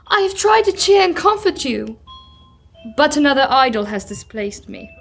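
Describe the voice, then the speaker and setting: A young woman playing a sorrowful, gentle fiancée in an old-time radio drama. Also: high voice, big pitch swings, normal speed, creaky, soft background music, heavily acted. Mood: sorrowful, resolute. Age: teens.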